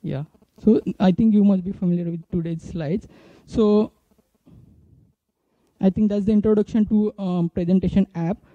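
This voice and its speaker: Holding a microphone on an indoor conference stage, a thirtyish Indian-accented man hesitantly presents a casual flash talk and demos an app live. He speaks in a steady, high-pitched tone, halting often. There's no echo, but the stage recording sounds muffled and dull.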